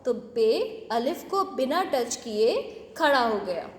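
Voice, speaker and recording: A woman's voice: fairly high pitch, animated, slow, roomy sound, long reverb tail. A woman teacher patiently explaining letters to young children, repeating and spelling them out. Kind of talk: children's alphabet lesson.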